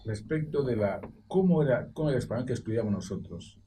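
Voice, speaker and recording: An older man from Equatorial Guinea, a former school director, telling animated anecdotes and acting out quoted voices on a television roundtable. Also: medium pitch, quick pace. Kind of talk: roundtable debate. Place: TV studio. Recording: distant mic with faint background noise.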